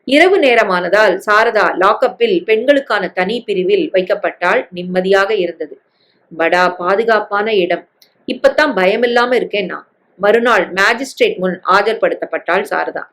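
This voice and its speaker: A woman narrating a family novel aloud in an even, unhurried way. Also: mid-range voice. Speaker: story reader.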